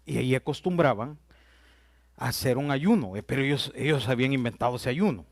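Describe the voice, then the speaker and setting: A man's voice: medium pitch, a little fast, no echo. A male pastor, telling stories in a sermon and often addressing his listeners as "brother". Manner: storytelling, addresses listeners as "hermano".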